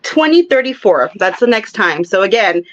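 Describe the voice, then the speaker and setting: A woman's voice: medium pitch, very animated, moderate pace, a bit bright. Chatty laughing woman, lo-fi sound. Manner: chatty, laughs often, explains with examples. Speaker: psychic guest. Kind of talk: casual interview chat.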